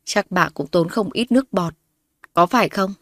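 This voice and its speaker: A woman's voice: medium pitch, normal speed, no echo, clean studio sound. Woman playing a furious wronged young wife. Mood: accusing. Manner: sharp, confrontational.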